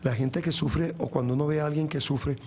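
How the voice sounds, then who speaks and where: A man from Venezuela in his sixties speaks as an interview guest, his voice sitting a little high for a man. He talks earnestly about faith, circling back and restarting his phrases often. A faint hiss runs under the recording. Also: fairly even intonation, brisk, a little mellow. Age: 60s. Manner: earnest, rambling, many restarts. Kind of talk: reflective faith talk in an interview.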